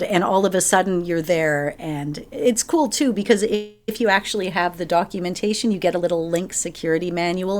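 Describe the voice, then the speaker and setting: A woman with a lowish voice talks through a classic game's plot for her podcast. She is chatty and eager, piling one detail onto the next. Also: a little hiss or hum. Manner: enthusiastic storytelling with laughs. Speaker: podcast co-host. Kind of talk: casual chat.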